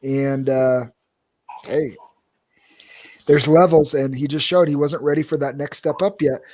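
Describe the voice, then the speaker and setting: A young man co-hosts a podcast with a slightly high, fairly even, somewhat mellow voice. He chats casually about fight results, opinionated and joking, tossing in quick asides as he recaps the bouts.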